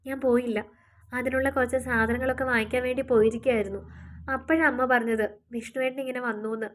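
A woman's voice: on the high side, steady tone, fast talker, close to an everyday voice. A woman doing an anxious, tearful young girl. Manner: anxious, pleading. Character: teenage girl, tearful and devoted.

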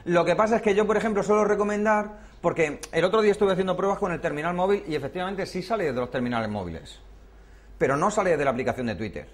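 Slightly high-voiced instructor. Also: male voice, expressive, fast. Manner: explanatory, checks in with "¿vale?". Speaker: workshop instructor. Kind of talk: hands-on classroom teaching.

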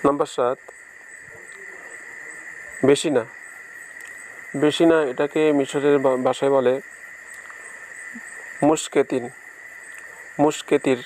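A man teaching phrases one by one, saying each one slowly and repeating it. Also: medium pitch, little pitch movement, darkish tone, slight background noise, poor audio. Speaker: language teacher. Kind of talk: phrase-by-phrase language lesson.

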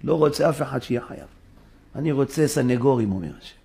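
A man giving a sermon as a rabbi in a synagogue, preaching in an animated way and acting out dialogue with sudden high-pitched exclamations. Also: creaky, husky.

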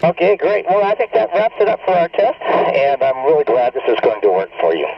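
A man speaking through the radio of his full face dive mask, underwater in a big aquarium tank, calmly explaining a live sound test. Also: a little high, brisk, gravelly. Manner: calm, explanatory, giving instructions. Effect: underwater diver full face mask radio. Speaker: scuba diver testing comms. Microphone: microphone inside a full face dive mask. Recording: muffled, distant radio feed with heavy din.

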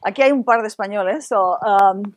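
A Spanish-accented woman from Spain, a university Spanish instructor, keeps her interactive workshop lively and playful while drawing responses from the audience. Her pitch is medium, her pace moderate, and there's no echo.

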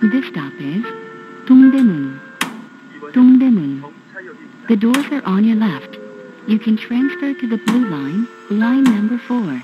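A woman reading a polite, clearly enunciated, recorded train station announcement. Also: fairly high pitch, sing-song, drawn-out words, long pauses. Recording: muffled audio with music behind.

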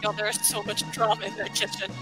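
A woman's voice: mid-range voice, flat delivery, quick pace, music in the background. A woman chatting casually and playfully during a game session, often breaking into laughter.

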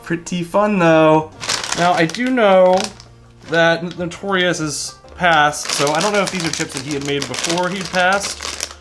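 High-pitched man chatting and crunching chips. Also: unhurried, over music. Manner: eating crunchy chips while talking, with appreciative mmms. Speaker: snack review host. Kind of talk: casual chat to camera while tasting. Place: small indoor room at home.

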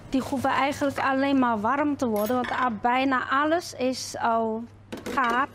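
A woman's voice: fairly high pitch, slight background noise. Chatty woman, cooking host. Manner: chatty, explains each step while cooking. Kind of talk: casual cooking demonstration.

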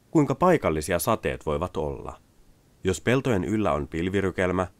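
A man narrating a scripted product voice-over in an even, explanatory way. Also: low-pitched, no echo.

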